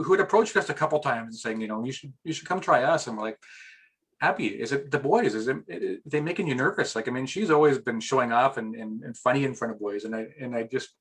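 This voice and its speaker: A man's voice: medium pitch, fairly bright tone. A middle-aged man as an interview guest, chatting casually and rambling with restarts, getting emotional at times.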